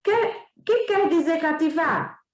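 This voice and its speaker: A woman with a Northeastern Brazilian accent voicing a gentle, curious little boy prince, asking soft, slow questions. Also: extremely high pitch, expressive, roomy sound, pitched above the performer's own voice. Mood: wondering.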